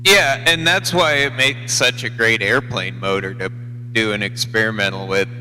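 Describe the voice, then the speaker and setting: An American CB radio operator chats casually in a rambling, unpolished way over a live CB radio feed. His voice is on the low side, pushed and bright, at a moderate pace. The recording has a noisy hum and long, hollow reverb.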